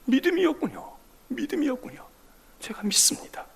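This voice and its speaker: A man, a senior pastor, preaching a sermon dramatically, acting out quoted voices and swinging between loud exclamations and whispers. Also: extremely high pitch, huge pitch swings, fairly quick, creaky, breathy edge.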